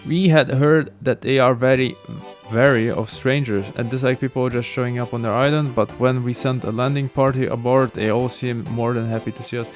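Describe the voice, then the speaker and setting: A man's voice: medium pitch, fairly even intonation, normal speed, few pauses, soft background music, close to an everyday voice. A man reading the lines of a pompous ship captain from a video game.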